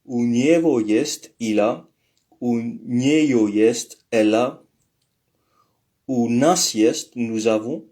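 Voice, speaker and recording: A male teacher walks through grammar exercises at a slow, deliberate pace, stopping often to think and correcting himself as he goes. His voice sits at an ordinary middle pitch and stays patient throughout. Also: dark tone. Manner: patient, explains slowly with many pauses and fillers, corrects himself. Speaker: Russian language teacher. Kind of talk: slow step-by-step language lesson.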